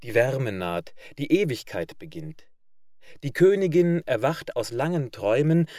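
A man voicing a splendid prophetic bird in a storybook reading, chanting verse slowly and with a lilt. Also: medium pitch, darkish tone, no echo, clean studio sound. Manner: slow, lilting chanted verse.

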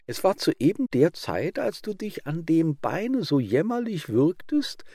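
A man's voice: on the high side, big pitch swings, a little slow, dark tone, dry recording, clean studio sound, pitched above the performer's own voice, exaggerated voice. A man doing a sly mocking fox.

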